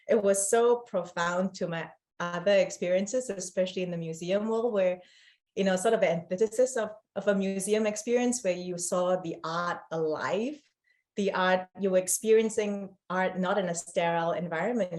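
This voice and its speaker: Enthusiastic lower-voiced woman from Singapore. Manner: warm and enthusiastic, with soft "um" fillers. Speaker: board member, guest. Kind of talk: casual interview chat.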